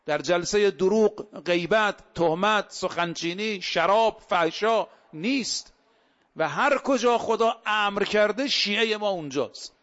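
A male cleric preaches a sermon emphatically, using rhetorical questions and stories. His voice is high-pitched and a bit bright, captured in a dull lo-fi recording.

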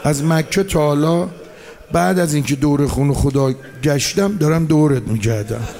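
A man's voice: a little high, darkish tone, pitched below the performer's own voice, close to an everyday voice. A man voicing a devoted young boy who begs to be allowed into battle. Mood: pleading.

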